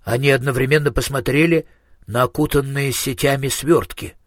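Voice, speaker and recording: A man narrating a storybook in an even, measured voice. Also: medium pitch, no room sound, clean studio sound. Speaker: audiobook narrator. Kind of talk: scripted narration.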